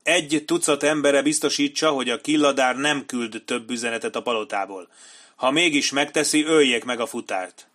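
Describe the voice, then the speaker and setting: A man's voice: mid-range voice, a bit bright, voice pushed up, natural voice. A man voicing a fierce, stern prince who barks orders and hisses threats. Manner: hissing, commanding.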